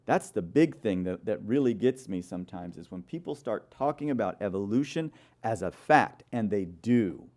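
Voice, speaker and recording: A man's voice: on the low side, expressive, moderate pace, hardly any pauses, a little mellow. A man giving a sermon-style Bible study lecture, telling stories and throwing rhetorical questions at his listeners. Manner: storytelling with rhetorical questions to the audience; frequent "okay?" checks with listeners.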